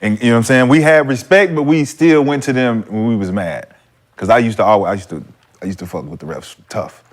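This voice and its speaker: A former player co-hosting a sports podcast, telling stories and acting out quotes. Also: male voice, medium pitch, fast talker. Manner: animated storyteller, acts out quotes. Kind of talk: casual sports chat.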